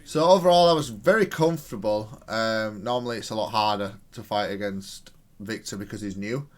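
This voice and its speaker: This male video game player and content creator talks at a moderate pace in a fairly low voice. He offers relaxed, analytical commentary on his own gameplay, reasoning out loud and revising his remarks along the way.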